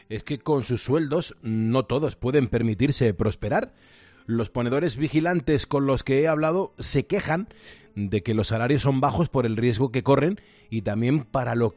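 A man presenting a scripted radio report, clear and measured. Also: medium pitch, darkish tone, dry recording.

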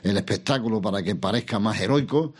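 An older man answering interview questions about politics in a measured, reflective way, pausing and restarting, asking himself questions. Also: lowish voice, breathy edge. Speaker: interview guest, former regional president.

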